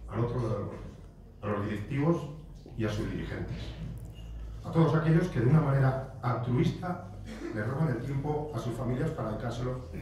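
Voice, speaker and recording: A middle-aged man delivers an emotional farewell speech from a podium, his voice at an ordinary pitch. He was recorded from across a large stone banquet hall, so his voice rings with heavy echo. A steady hiss of noise sits under it. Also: far from the mic. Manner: emotional, heartfelt, with repeated phrases and asides. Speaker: federation president giving a farewell speech. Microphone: podium microphone, recorded by a far camera. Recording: echoey hall recorded from afar, noisy.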